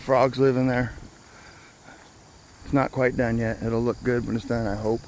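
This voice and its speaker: A man's voice: medium pitch, flat delivery, normal speed, darkish tone. Man giving casual outdoor tour, noisy background. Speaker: property owner giving a tour. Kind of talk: casual property tour narration. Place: outdoors on wooded rural land. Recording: clear outdoor background noise, insects.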